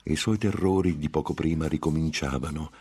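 A man's voice: a bass voice, brisk, a little mellow, husky. A man narrating a gothic tale in a grave, dramatic audiobook reading.

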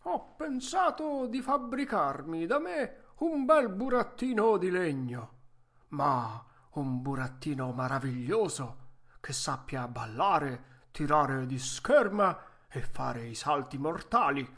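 A man voicing a hot-tempered old woodcarver in a storybook reading, loud and theatrical. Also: fairly high pitch, sing-song, exaggerated voice. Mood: cheerful, pleading. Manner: loud, theatrical, quick to anger.

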